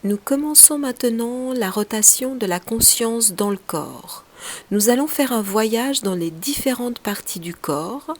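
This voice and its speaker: A woman with a voice on the high side leads a relaxation meditation as a yoga teacher. She speaks softly and soothingly, her short, unhurried phrases often breathy as they fade.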